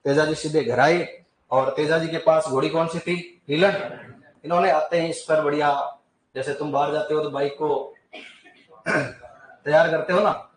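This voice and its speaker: A man tells a folk legend to a class, chatty, with asides and questions to the students and frequent throat clearing. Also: a little high, fairly even intonation, a little slow, roomy sound, low-quality recording. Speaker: teacher. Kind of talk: storytelling lesson on folk deities.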